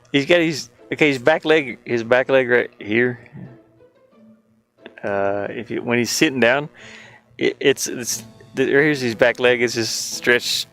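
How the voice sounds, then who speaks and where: A man with a mid-range, slightly bright voice talks over a screen share of the game he's making. The indie developer thinks aloud casually, amused and rambling.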